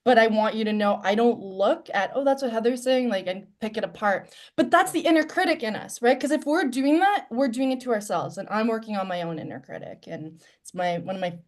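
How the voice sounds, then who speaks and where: Woman guest, mid-pitched, earnest and reflective, swings between soft and emphatic. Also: a little fast, few pauses. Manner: earnest and reflective, loudness rising and falling. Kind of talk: candid live-stream conversation.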